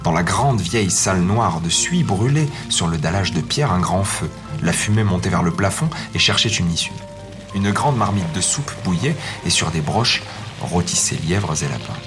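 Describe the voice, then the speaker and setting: A man calmly reading a fairy tale aloud as narrator. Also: low voice, normal speed. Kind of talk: scripted storybook narration. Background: faint music.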